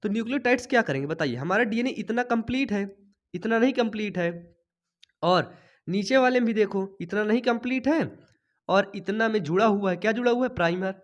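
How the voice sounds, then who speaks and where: High-voiced man teaching with a cough. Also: animated, brisk. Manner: chatty, asks students questions and answers them himself. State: coughing with a cold. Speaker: biology teacher. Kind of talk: board exam lesson for students.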